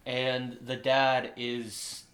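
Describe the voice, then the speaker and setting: Guy dropping dry jokes into a movie review chat, slow and unhurried. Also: medium pitch, flat delivery, fairly bright tone. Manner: dry quips and interjections. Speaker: podcast co-host.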